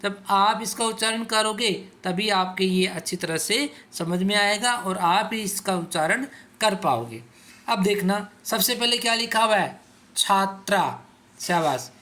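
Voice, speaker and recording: A man's voice: high voice, measured pace, bright, forceful tone. A male teacher explaining word meanings to school pupils, asking questions and answering them himself, and repeating words so pupils can say them along. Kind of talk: classroom explanation for school students.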